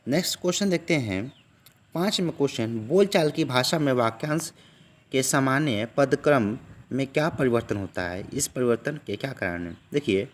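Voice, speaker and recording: A man tutoring online, walking through exam questions and answers, who keeps asking a question and then answering it himself and keeps checking in the listener. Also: medium pitch. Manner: repeats "theek hai" constantly, asks and answers own questions.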